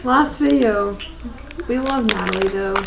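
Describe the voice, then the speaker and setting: A woman's voice: mid-range voice, measured pace, vocal fry. A woman chatting casually and giggling with friends in a home video. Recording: tinny, echoey room with loud noise.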